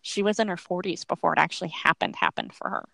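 Slightly wheezy, creaky-voiced woman podcast host. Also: fairly low pitch, huge pitch swings, fast, bright, forceful tone, no room sound. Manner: rambling, informal, laughs easily. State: unwell, a little wheezy. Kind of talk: casual chat.

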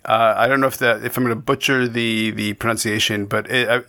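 A man's voice: mid-range voice, flat delivery, fairly quick, pushed and bright. A man from Canada hosting a podcast, chatting casually and rambling with many restarts and digressions. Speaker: podcast host. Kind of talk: casual interview chat.

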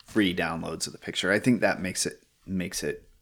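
A man's voice: deep voice, fairly even intonation, normal speed, a bit bright. A man hosting a podcast, telling a story in a rambling, hesitant way over casual chat. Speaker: podcast host.

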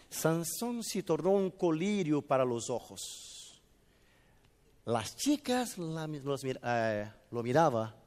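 Lively high-voiced male preacher in a hall. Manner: lively, asks the audience questions, acts out little scenes. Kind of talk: sermon. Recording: reverberant hall.

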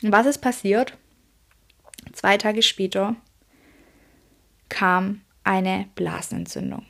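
A woman's voice: medium pitch, fairly even intonation, takes it slowly, vocal fry, a bit bright. A woman coach telling a personal story in an emotional way, speaking directly to her listeners. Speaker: self-employed coach.

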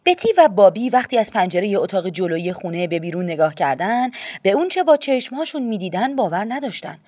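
A woman narrating a children's storybook in a gentle, steady, expressive way. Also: mid-range voice, faint music behind. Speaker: audiobook narrator.

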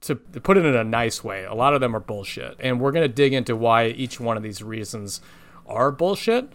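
A man hosting a casual podcast from his home, his voice sitting at an ordinary middle pitch. He talks with energy and a ranting edge. He laughs easily between points. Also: expressive, fairly quick. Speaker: podcast host.

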